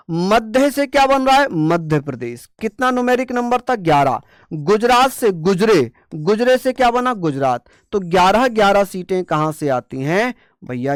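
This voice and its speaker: A man's voice: sits high, clean tone, no room sound, studio quality. A male teacher giving an exam-prep lecture. He quizzes students with call-and-response questions, chants memory tricks by repeating words, and teases the class playfully.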